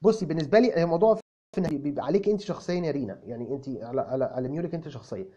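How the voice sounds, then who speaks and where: A man's voice: a little high, animated, rapid-fire, mellow. A man with an Egyptian Arabic accent playing a self-assured young English tutor who stammers through restarts and explains with repeated examples. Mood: breezy, explaining. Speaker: English tutor answering viewer comments. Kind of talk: comic video lesson. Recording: dull lo-fi recording.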